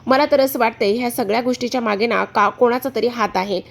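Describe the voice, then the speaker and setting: A woman's voice: a little high, fast, creaky. A woman voicing a young married elder sister who scolds and pleads in a retold serial story, in her own voice. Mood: troubled. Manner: lecturing, pleading.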